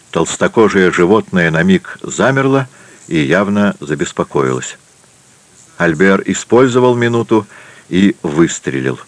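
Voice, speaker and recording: A man narrating an adventure audiobook in a steady, measured reading. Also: sits low, dry recording. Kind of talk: scripted narration.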